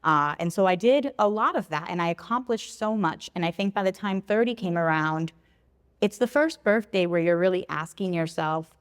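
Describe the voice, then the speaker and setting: A woman in her thirties, a travel blogger raised in Philadelphia and born in Puerto Rico, telling her story in a clear, articulate podcast interview. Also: lowish voice, moderate pace, big-room sound.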